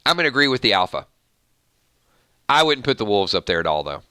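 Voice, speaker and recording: A man from Georgia with a Southern accent, hosting a casual livestream, reading viewer comments and chatting in an animated way with easy laughter. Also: fairly low pitch, brisk, clear, resonant tone, no room sound, clean studio sound. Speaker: livestream host.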